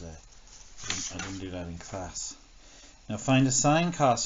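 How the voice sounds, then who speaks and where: A man talks through a maths lesson at his computer, pausing on fillers and correcting himself mid-sentence. His voice sits fairly low. The recording is dull and lo-fi, with a faint hiss behind it. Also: darkish tone. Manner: thinks aloud, many fillers and self-corrections. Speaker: maths teacher. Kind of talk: recorded classroom lesson, working examples on screen.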